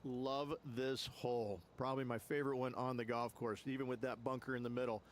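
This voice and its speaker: A man giving measured, explanatory colour commentary in a golf video game. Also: mid-range voice, flat delivery, a little hiss or hum, lightly acted. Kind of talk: sports commentary.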